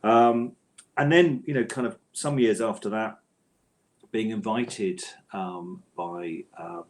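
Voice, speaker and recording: Speaking slowly in a voice on the low side, a middle-aged interview guest who writes books and audio drama scripts answers thoughtfully and hesitantly, reshaping his sentences as he talks.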